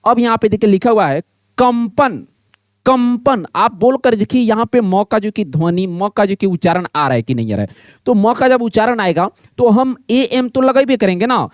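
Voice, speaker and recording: High-pitched guy teaching at a board, asks then answers himself over and over, dry close sound. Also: fairly quick, dry recording. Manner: repetitive question-and-answer teaching. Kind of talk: blackboard lesson.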